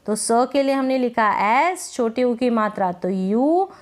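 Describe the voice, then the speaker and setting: A woman teacher speaking slowly and deliberately as she spells names out letter by letter. Her voice sits a little high, and she repeats each answer like a classroom drill. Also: animated. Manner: slow and deliberate. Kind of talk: spelling lesson.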